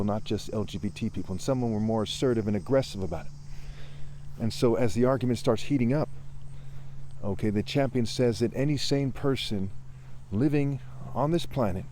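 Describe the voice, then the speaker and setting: A man narrates a parable off the cuff, earnest and rambling, pushing his voice up as the telling turns heated. His tone is dark and mellow and sits at a middling pitch. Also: slight background noise. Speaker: storyteller.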